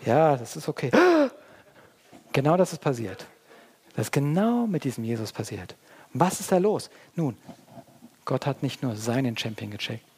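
Addressing his congregation directly, a man delivers a sermon as their pastor, moving from quiet, hushed stretches to loud, excited bursts. His voice sits in the mid-range, and a little hiss or hum runs under it.

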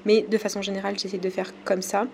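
A French woman hosting her own podcast, talking casually with many pauses and fillers. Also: medium pitch, level tone, gravelly, darkish tone, slight background noise. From France. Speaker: podcast host. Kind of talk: casual solo podcast talk.

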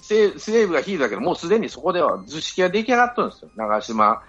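Man, husky, quick and animated, assertive podcast panelist; dull lo-fi sound, faint music. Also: on the high side. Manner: assertive, lecturing. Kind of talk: casual chat.

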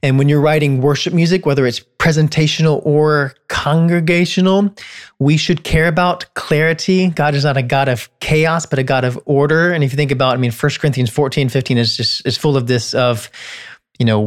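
A man's voice: mid-range voice, fairly even intonation, brisk. Thoughtful songwriter explaining his craft. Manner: thoughtful, many restarts, sings short melodic lines to illustrate. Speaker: songwriter and composition teacher. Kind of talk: casual explanatory talk.

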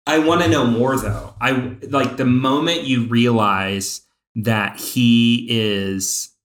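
A man co-hosting a podcast, talking thoughtfully about a TV series with drawn-out phrasing and fillers. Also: medium pitch, fairly even intonation, a bit bright. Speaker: podcast co-host. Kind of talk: casual chat about a TV series.

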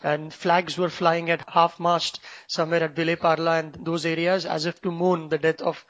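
A man with an Indian accent and a high voice co-hosts a relaxed conversation. He recounts news and gives his opinions informally. The recording is dry, with no room sound. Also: moderate pace, no room sound, dull audio. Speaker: podcast co-host.

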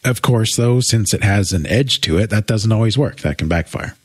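Man, podcast co-host, lowish voice, dry close sound, measured and thoughtful. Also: expressive, dry recording. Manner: thoughtful, measured, explains in long winding sentences. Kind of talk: casual explanatory chat.

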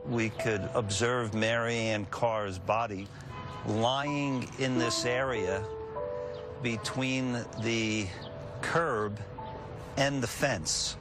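A man recalling a case as a detective in a documentary interview, with formal, deliberate phrasing. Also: medium pitch, steady tone, over music.

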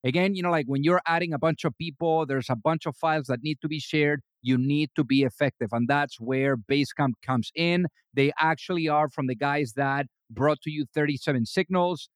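Man, podcast host, enthusiastic, higher pitch, dry sound. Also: a little fast, few pauses, no room sound. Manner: upbeat, enthusiastic introductions. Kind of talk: interview podcast with ad read.

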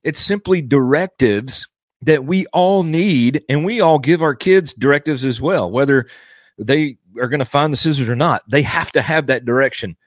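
A man's voice: fairly high pitch, moderate pace, no room sound. Dry-sounding man critiquing a clip. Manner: critical, explanatory, repeats points. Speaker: podcast host critiquing a sermon. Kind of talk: commentary on a played clip.

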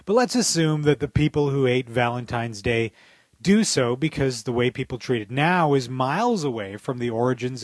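With a medium-pitched voice on a dry recording, this man co-hosts a podcast in a sardonic, wry, emphatic manner. He moves between a scripted opinion piece and relaxed conversation.

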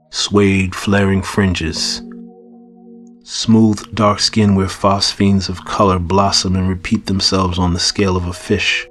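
Low, flat, husky male narrator. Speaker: audiobook narrator. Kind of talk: first-person fiction narration.

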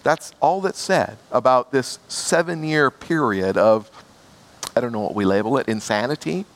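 A man's voice: medium pitch, animated, normal speed. A man preaching a sermon as pastor, stressing key words by repeating them.

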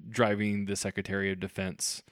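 A man co-hosting a casual podcast about movies, enthusiastic and quick to laugh. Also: low voice, level tone, no room sound, studio quality. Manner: enthusiastic, laughs often, restarts sentences. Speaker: podcast co-host.

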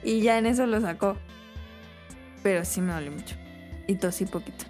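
A Mexican woman co-hosting a podcast, telling a story in animated, slang-heavy casual chat. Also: medium pitch, moderate pace, soft background music. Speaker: podcast co-host.

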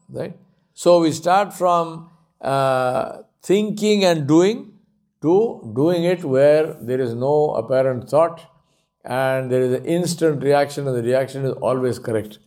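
A man's voice: on the high side, warm tone. Man giving a repetitive, emphatic talk. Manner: repeats key phrases for emphasis, many fillers. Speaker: speaker at an Islamic centre. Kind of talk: religious talk.

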